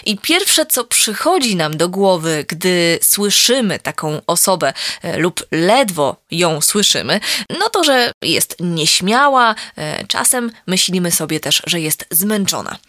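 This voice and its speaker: A woman's voice: on the low side, big pitch swings, slow pace, bright, forceful tone, dry recording, clean studio sound. A woman hosting her own solo podcast as a voice coach, talking in a conversational way with frequent small hesitations. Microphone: studio microphone.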